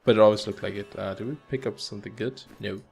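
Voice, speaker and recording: A man's voice: lowish voice, fairly even intonation, fast talker, gravelly, darkish tone, breathy edge, faint music behind. A man hosting a let's play, chatting casually and upbeat as he plays, with rambling asides. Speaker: gaming channel host.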